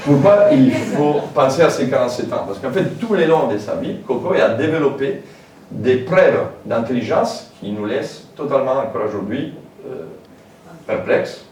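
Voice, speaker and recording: Lecturer in a very echoey hall. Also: male voice, medium pitch, darkish tone. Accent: French with a foreign lilt. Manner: informal, hesitant, many fillers and asides. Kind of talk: public lecture. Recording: very echoey hall, distant mic, faint noise.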